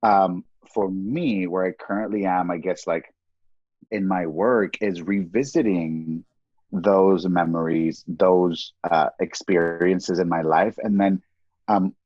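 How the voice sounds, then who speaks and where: A man around thirty with a husky, somewhat low voice chats in a campy, loose podcast style, full of "like." The recording is dry and dull, with a dead, lo-fi sound. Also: steady tone, slow pace, a little mellow, no echo. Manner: campy, chatty, heavy use of "like". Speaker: podcast co-speaker. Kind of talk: casual podcast chat.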